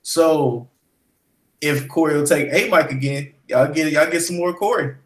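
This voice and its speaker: A man co-hosting a podcast, rambling in a relaxed way with shout-outs and fillers in casual chat. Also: fairly high pitch, unhurried, roomy sound. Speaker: podcast co-host.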